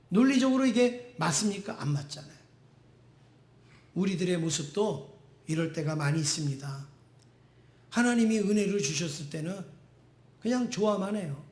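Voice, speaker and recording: A man with a high-pitched voice preaches a Sunday sermon, pressing his points by repeating short phrases over and over. His voice rings out through an echoey church room. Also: a little mellow. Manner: emphatic, repeats phrases for stress. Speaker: pastor. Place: church sanctuary.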